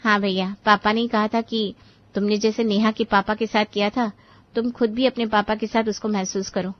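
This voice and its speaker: A woman plays an offhand young sister in a cartoon story, defensive and placating. Her voice is mid-pitched, and the recording is dry. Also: flat delivery, moderate pace, no room sound, muffled recording, lightly acted.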